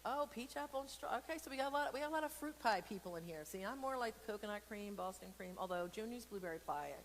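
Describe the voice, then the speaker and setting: Hosting a casual, interactive children's read-aloud for an online church service, this adult woman speaks fast in a fairly high, expressive voice. She chats playfully, wanders off on asides full of comic exaggeration, and puts questions straight to her audience. Background noise and a long hall echo fill the recording.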